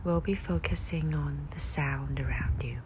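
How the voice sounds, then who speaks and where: A woman with a low voice guides a meditation very slowly, speaking softly and breathily in short, gentle phrases separated by long pauses. Faint nature sounds sit behind her, and the background is noisy.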